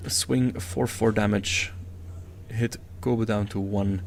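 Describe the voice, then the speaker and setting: A man's voice: lowish voice, steady tone, slow pace, vocal fry. A man commentating a live card game match, analytical, chatty and given to jokes. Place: event venue.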